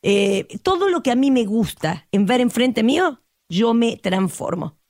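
A woman with an Argentine Spanish accent and a fairly high voice appears as a guest therapist in a podcast conversation, speaking a little slowly. She's emphatic and passionate, acting out quotes in a lively voice, and the audio is studio quality with no echo.

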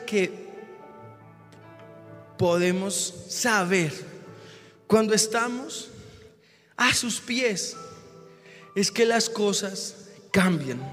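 A man with a strikingly high, bright voice preaches from the pulpit. He tells his story animatedly and breaks into shouts. The sound rings through a reverberant church hall over soft music. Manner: animated, builds to shouted exclamations. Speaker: pastor. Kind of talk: sermon with personal storytelling.

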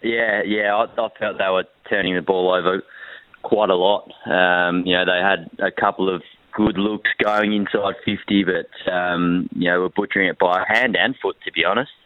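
A man, a newspaper sports reporter, talks through a football game frankly and with pauses, his voice coming over a crackly phone line that cuts in and out. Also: deep voice, steady tone, no room sound. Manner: frank, measured, with many hesitations. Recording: tinny dry phone line.

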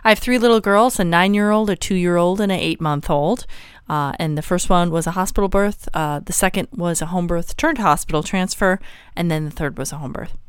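Woman, thirties, doula, smooth resonant voice, low pitch. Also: a little fast, no echo, studio quality. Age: 30s. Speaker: labor doula, panelist. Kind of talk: casual podcast talk.

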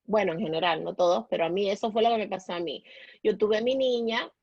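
A woman from the Dominican Republic, raised in Puerto Rico, with a Puerto Rican Spanish accent. She is a podcast guest telling a personal story haltingly, with many restarts and English words slipped in. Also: mid-range voice, darkish tone, husky, dry recording, lo-fi sound.

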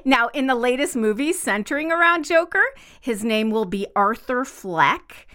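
A woman's voice: fairly high pitch, lively intonation, normal speed, sharp tone, smooth. A woman in her sixties co-hosting a casual podcast chat, enthusiastic and laughing often. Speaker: podcast co-host.

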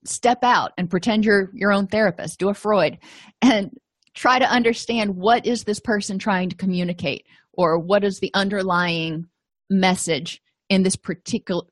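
A woman's voice: mid-range voice, no echo. Chatty middle-aged woman lecturing, dry sound. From Florida, USA. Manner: chatty, self-deprecating, asides with "you know". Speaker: counseling course instructor. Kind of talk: informal lecture.

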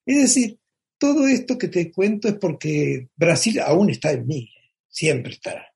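A performer visits a radio show and tells stories in a theatrical, expressive way, full of flair. The voice sits at a middle pitch and moves through anecdotes with dramatic emphasis. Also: unhurried, gravelly. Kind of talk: casual radio interview.

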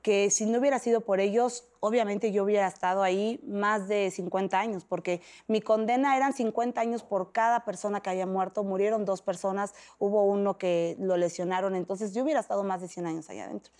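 Animated Mexican woman telling her story. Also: mid-range voice, fairly quick, hardly any pauses. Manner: animated, acts out quoted voices. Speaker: guest. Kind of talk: emotional personal storytelling.

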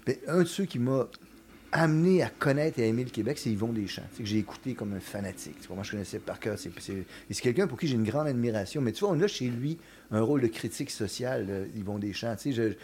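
A man's voice: mid-range voice, lively intonation, quick pace, darkish tone, a little hiss or hum. An older man, talking casually as a podcast guest, explaining ideas with frequent restarts and checks like "you understand?". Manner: explanatory, many restarts and "tu comprends". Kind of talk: casual conversation.

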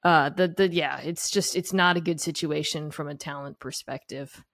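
A woman's voice: sits low, fairly even intonation, normal speed, a bit bright, dry recording, clean studio sound. A woman hosting a casual sports podcast in a playful, conversational manner.

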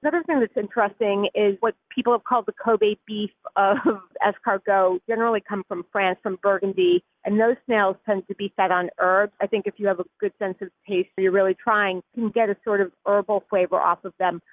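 A woman's voice: mid-range voice, fairly even intonation, brisk, hardly any pauses, no room sound. A woman food editor talking as a guest in a radio interview, chatty, with frequent laughs and many "like"s. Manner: chatty, laughs easily, uses "like" often. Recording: tinny phone line.

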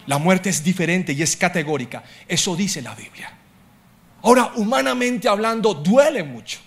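A middle-aged man preaching a sermon as a pastor, telling stories and swinging from loud declarations to hushed asides. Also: high voice, lively intonation, normal speed.

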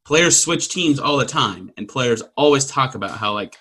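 A man's voice: mid-range voice, lively intonation, normal speed, bright, forceful tone, husky. A man hosting a casual sports podcast, talking in a wry, conversational way. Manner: wry, frequent laughs, conversational. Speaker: podcast host.

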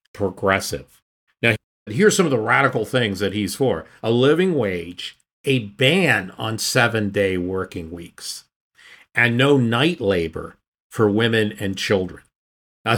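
A man's voice: fairly low pitch, a bit bright. A man explaining history in a casual, storytelling podcast manner, with occasional restarts. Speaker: history podcast host or guest.

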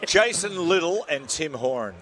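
A man hosting a sports trivia quiz on radio, reading questions quickly and cracking jokes between them. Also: a little high, big pitch swings, a bit bright, slight background noise. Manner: quick, jokey, laughing asides. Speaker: quizmaster on a radio show. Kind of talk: casual radio banter.

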